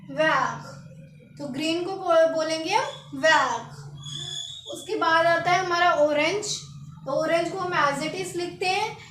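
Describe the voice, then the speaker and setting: High-voiced woman teaching French basics. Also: a bit bright, a little hiss or hum. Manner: spells words letter by letter and has students repeat. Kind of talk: lesson for beginners. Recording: echoey room.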